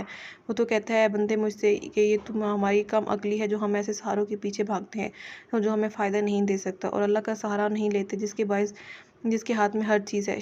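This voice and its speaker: A woman reading a romance novel aloud in a steady, even voice, with some stumbles over words. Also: medium pitch, muffled recording. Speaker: novel narrator.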